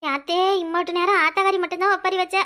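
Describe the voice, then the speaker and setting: Shrill Tirunelveli Tamil woman, high and bright. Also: level tone, fast. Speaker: voice artist playing several village women. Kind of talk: cartoon character voicing.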